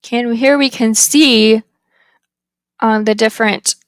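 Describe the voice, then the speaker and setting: A woman with a fairly high voice gives a phonetics lesson at an unhurried, careful pace. She lingers over each example word. The sound is dry and close, with no room echo. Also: steady tone. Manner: slow and deliberate, drawing out example words. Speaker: phonetics instructor. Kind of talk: slide-based lecture.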